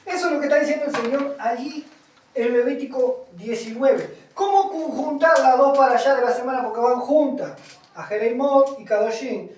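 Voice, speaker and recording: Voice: high voice, moderate pace, a little mellow, slight background noise. Preacher, emphatic sermon, questions the flock, recorded distant in a very echoey hall. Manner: emphatic, asks the congregation questions. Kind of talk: sermon with Bible reading. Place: congregation hall, also streamed. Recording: echoey room from far off.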